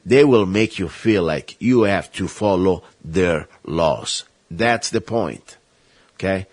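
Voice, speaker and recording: Guy hosting talk radio, low husky voice, dry sound, keeps ranting all over the place. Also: lively intonation, slow, dry recording. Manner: emphatic, rambling, impassioned. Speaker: radio talk show host.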